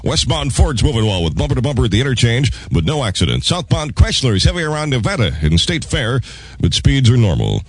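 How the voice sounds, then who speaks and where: A man's voice: mid-range voice, very animated, a little fast, slightly rough, dry recording. A man working as a morning radio DJ, mixing announcements with wry, joking patter. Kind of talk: radio patter, time, weather and traffic.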